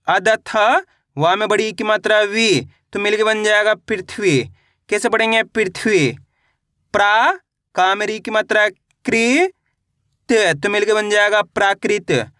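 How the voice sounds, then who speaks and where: Bright high-voiced man teaching reading. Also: dry recording, clean studio sound. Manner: slow syllable-by-syllable spelling with repeated call-and-answer prompts. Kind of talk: scripted phonics lesson.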